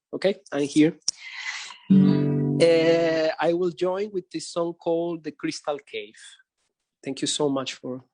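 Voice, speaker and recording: A man from Colombia, a composer and guitarist, introducing himself over a video call in a hesitant, halting way with many fillers. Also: fairly high pitch, a little mellow, dry recording. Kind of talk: casual spoken introduction.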